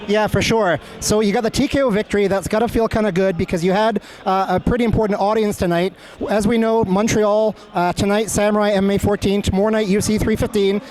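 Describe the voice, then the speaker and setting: Talking quickly and steadily with few pauses, a male sports interviewer conducts a conversational post-fight interview, offering compliments and explanations along the way. His voice sits high with a darkish tone, against faint city ambience.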